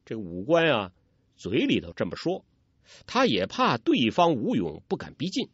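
A man narrating a martial arts story in a lively, dramatic storytelling manner. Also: mid-range voice, normal speed, slightly rough, no echo. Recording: dull, dry recording.

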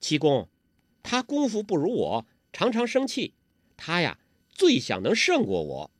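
A man voicing a clever, playful young girl who speaks in a coaxing, quick, sweet way. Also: a little high, huge pitch swings, no room sound, clean studio sound, voice pushed up, heavily acted.

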